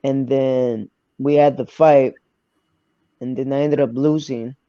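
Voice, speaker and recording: A young man from Arkansas, a fighter answering interview questions quietly, pausing to search for words. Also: medium pitch, fairly even intonation, no room sound, lo-fi sound. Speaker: MMA fighter, guest. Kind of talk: casual interview.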